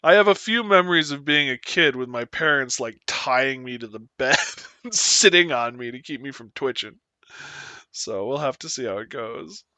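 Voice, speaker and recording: A man's voice: medium pitch, expressive, normal speed, pushed and bright, clean tone, no room sound. A young man chatting casually with his viewers at the end of a live stream, sleepy and rambling in a self-deprecating way. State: sleepy, yawning. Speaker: Twitch streamer.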